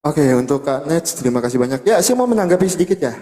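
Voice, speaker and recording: A man rebutting in a debate, speaking loudly and fervently while firing off a rapid string of verse citations. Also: fairly high pitch, very animated, echoey room, in a large hall.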